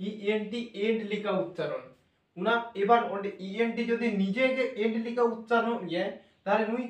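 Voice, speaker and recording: A man with a high voice teaches pronunciation. He slows down to spell out sounds letter by letter. The mic sits some way off in a reverberant room. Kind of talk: classroom-style lesson. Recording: echoey room, voice from a distance.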